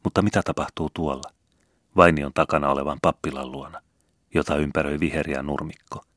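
A man with an extremely deep, low voice narrates a story in a measured, unhurried way. The sound is dry and close to the mic, with no room around it. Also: fairly even intonation, fairly bright tone, no echo. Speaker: audiobook reader. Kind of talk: scripted narration.

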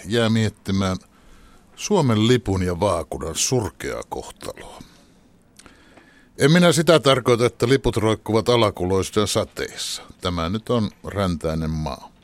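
Middle-aged male radio host, low voice, varied pitch, measured wry read. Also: sing-song.

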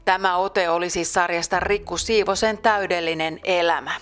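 A woman radio host reading scripted introductions in a smooth, even manner. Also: on the low side, soft background music. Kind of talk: scripted presenting.

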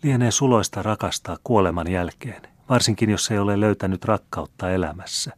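A man's voice: fairly low pitch, dry recording, natural voice. A man reading as a teasing French marquise. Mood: playful teasing.

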